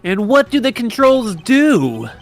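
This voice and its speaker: A man voicing a dry, sarcastic young male investigator in an improvised comedic fan dub, deadpan and teasing. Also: extremely high pitch, slow, creaky, soft background music, full character voice.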